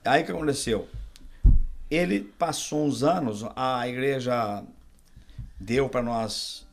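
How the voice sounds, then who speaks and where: A middle-aged Brazilian man, a pastor and podcast guest, telling his testimony in a relaxed conversation and acting out the dialogue he quotes. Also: medium pitch, slow. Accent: Brazilian Portuguese. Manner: storyteller who acts out quoted dialogue. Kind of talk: testimony told in a casual interview.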